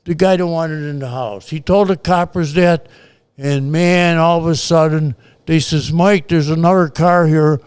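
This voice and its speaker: A man's voice: on the high side, normal speed, darkish tone, clean tone. An older man telling a blunt, profane story from his past in a casual chat. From Chicago. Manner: blunt, profane, acts out quoted voices. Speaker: storyteller guest.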